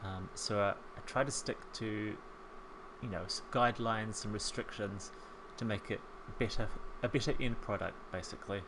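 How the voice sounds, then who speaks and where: This Sims speed-build creator, a man in his thirties, narrates his life-sim home build in a soft New Zealand accent mellowed by years living in England. He talks at normal speed in a lowish voice, rambling and poking fun at himself with frequent ums and little laughs. Background noise is present.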